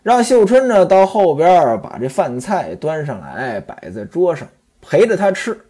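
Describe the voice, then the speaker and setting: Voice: medium pitch, big pitch swings, moderate pace, mellow, slightly rough. A storyteller retelling a classic novel in a conversational way, turning often to the listeners.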